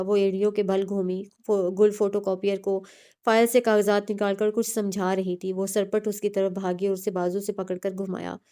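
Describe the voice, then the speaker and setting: A woman narrating a novel with steady, expressive storytelling. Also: mid-range voice. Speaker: audiobook narrator. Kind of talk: novel reading.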